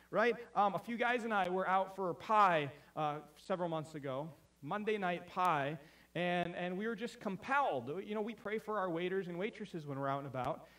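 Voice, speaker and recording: A man's voice: a little high, far from the mic. A man preaching a sermon as pastor, chatty and self-deprecating, often stumbling and restarting mid-sentence. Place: church sanctuary.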